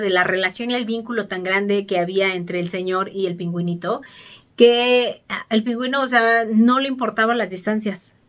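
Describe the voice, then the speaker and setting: A woman's voice: medium pitch, fairly bright tone. A woman, casually retelling a film's story to her viewers, chatty and full of fillers and restarts. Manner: chatty, acts out dialogue, frequent fillers and restarts. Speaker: vlogger.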